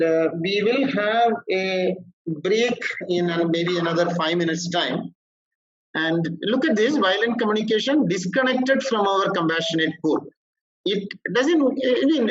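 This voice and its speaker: Male corporate trainer, slightly high voice, halting and explanatory lecture delivery, muffled lo-fi recording. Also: animated. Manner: halting, explanatory, frequent restarts. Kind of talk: workshop lecture.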